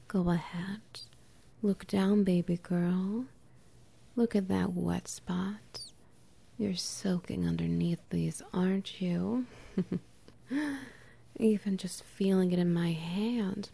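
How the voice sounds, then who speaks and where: A young adult woman whispering softly and teasingly in an intimate audio roleplay, with quiet laughs between phrases. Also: on the low side, creaky, husky.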